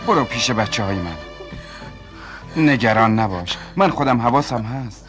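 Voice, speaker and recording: A man voicing a calm, concerned family man in a dubbed film, speaking in a measured, apologetic way and then reassuringly. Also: medium pitch, music in the background, lightly acted. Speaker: family friend recounting events. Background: film score.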